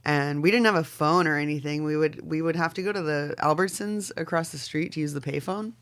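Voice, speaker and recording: A fashion designer in her forties from Oregon in the Pacific Northwest joins a podcast as a guest, chatting loosely with plenty of "like"s and fillers and the occasional casual swear. Her low voice is brisk with a clean tone.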